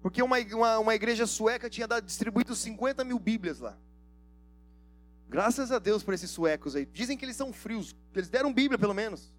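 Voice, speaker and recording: A man preaching a sermon, telling stories in a lively, slangy way and acting out the dialogue. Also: high-pitched, fairly quick, faint music behind. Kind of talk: sermon with storytelling.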